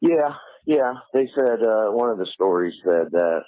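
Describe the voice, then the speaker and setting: Deep-voiced man on a prison phone line. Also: animated, no room sound. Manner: halting, full of "you know". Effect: prison phone call line. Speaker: father on a jail call. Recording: tinny phone line, dry.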